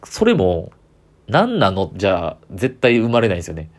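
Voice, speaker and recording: A man's voice: low-pitched, huge pitch swings, moderate pace. A man with a Kansai accent, chatting on his own as a comedian podcaster, rambling with easy enthusiasm. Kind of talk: solo casual chat.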